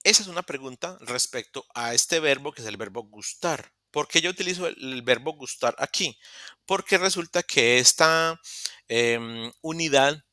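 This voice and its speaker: A man teaching an English lesson online, explaining step by step with pauses and self-corrections. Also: mid-range voice, expressive, sharp tone, dry recording, studio quality. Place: online meeting room.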